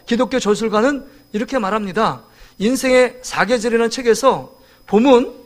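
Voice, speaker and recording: A man in his forties preaching a sermon in a church, lively and joking, often asking the congregation questions. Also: very high voice. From South Korea. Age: 40s. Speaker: pastor. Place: church sanctuary.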